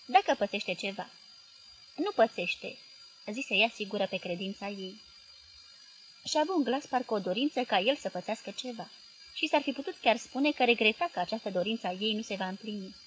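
A woman reading a novel aloud as an audiobook narrator, steady and measured. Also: medium pitch, poor audio. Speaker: audiobook reader. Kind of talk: scripted narration.

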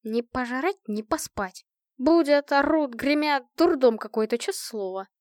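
A woman's voice: high-pitched, animated, unhurried, dry recording, studio quality. Fields: Figure: grumpy half-asleep young woman, voiced by a female reader. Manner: grumbling. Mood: sleepy grumbling. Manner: grumbling, sleepy complaints.

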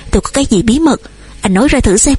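A woman voicing a headstrong young daughter who shouts back, shrill and tearful, with a husky voice. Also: lively intonation, fast talker. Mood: defiant.

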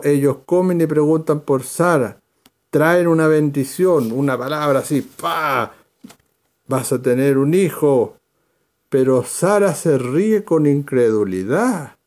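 A man's voice: on the high side, unhurried, darkish tone. A man leading a verse-by-verse Bible study, explaining and calling on readers by name.

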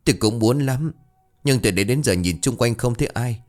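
A man's voice: mid-range voice, animated, brisk, lightly acted. Guy doing a hurt wife, plaintive, talks in pain. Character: injured middle-aged wife, weak and pained.

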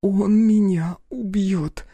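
A man's voice: fairly even intonation, slow, warm tone, husky, dry recording, heavily acted. A man doing a terrified, tearful young woman. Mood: terrified pleading. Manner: high, tremulous, pleading.

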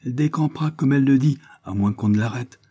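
A man reading an audiobook, voicing a good-humoured, mocking man who speaks calmly and teasingly. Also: mid-range voice, fast, breathy edge, pitched above the performer's own voice, close to an everyday voice. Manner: calm, laughing, teasing.

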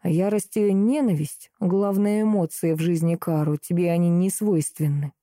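A woman reading the lines of a calm, serious young male dark mage, explaining in a level, steady way. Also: fairly low pitch, moderate pace, no echo, studio quality, natural voice. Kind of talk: audiobook character reading.

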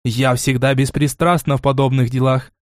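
A man's voice: mid-range voice, little pitch movement, moderate pace, no echo, studio quality, close to an everyday voice. A man playing a stern, commanding queen. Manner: commanding, thundering. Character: stern imperious middle-aged queen. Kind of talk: audiobook character voice.

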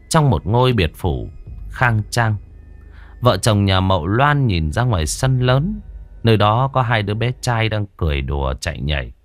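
A man narrating a ghost story audiobook in an expressive, dramatic manner. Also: fairly low pitch.

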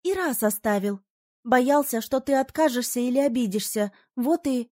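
A woman's voice: on the high side, expressive, moderate pace, a little mellow, natural voice. A woman reading an audiobook, voicing a sly female salamander companion who speaks in a teasing, knowing way. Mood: confiding.

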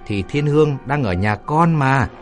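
A man's voice: medium pitch, animated, measured pace, faint music behind, lightly acted. A man doing a cocky, brash young man. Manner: cocky and offhand.

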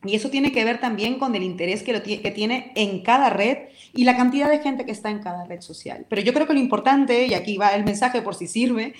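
A Peruvian woman with a Peruvian accent, an adult who has lived abroad for a decade, voices her opinions vehemently and passionately as a guest in a radio interview. She is a talk show host and commentator, and her slightly high voice moves briskly with few pauses. The recording has a roomy echo.

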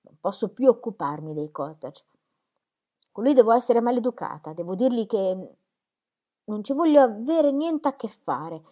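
A woman's voice: a little high, animated, moderate pace, warm tone, pitched above the performer's own voice, lightly acted. A woman reading aloud and voicing Dorothea, an earnest young woman who speaks with vehement, wounded indignation. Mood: indignant.

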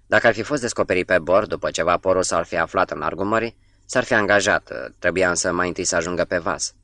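A man reading a novel aloud as an audiobook narrator, in a measured, steady delivery. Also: low voice, no echo, clean studio sound.

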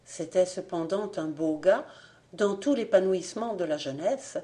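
A woman narrating a literary audiobook in a measured, expressive reading. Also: on the low side. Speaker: audiobook reader.

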